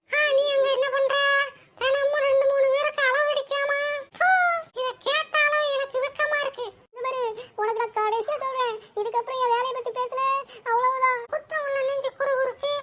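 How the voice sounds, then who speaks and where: A woman voicing several quarrelsome village women in a cartoon, with a scolding, shrill manner. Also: fairly bright tone. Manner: scolding, high-pitched and shrill.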